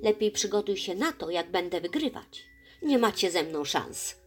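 A woman's voice: mid-range voice, animated, moderate pace, faint music behind, lightly acted. A woman voicing a proud, vain young female elf in a children's storybook, speaking boastfully. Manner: boastful and haughty, then tearful.

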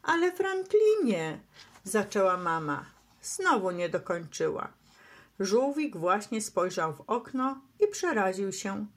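A woman reading a bedtime story aloud to children in a gentle, expressive, unhurried way. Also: mid-range voice.

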